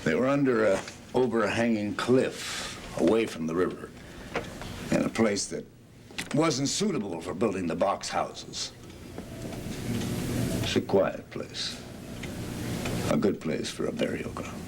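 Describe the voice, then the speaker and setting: A man's voice: on the low side, lively intonation, noisy background. A man playing a client who lost his family land, answering questions in short, solemn statements. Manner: terse, solemn, measured answers. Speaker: client whose family land was taken.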